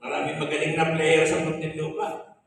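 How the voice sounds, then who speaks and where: A man's voice: a little high, completely flat delivery, moderate pace, gravelly. An older man giving an earnest, emotional church testimony and quoting scripture as he tells his story. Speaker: testimony speaker. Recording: echoey hall from far off, faint hiss.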